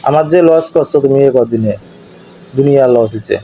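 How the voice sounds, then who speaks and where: On a recorded call, a YouTube creator with an eastern Bengali dialect argues casually over a domestic matter, repeating his phrases insistently. His mid-range voice is brisk with a dark tone. The phone recording is dull and lo-fi, with faint noise.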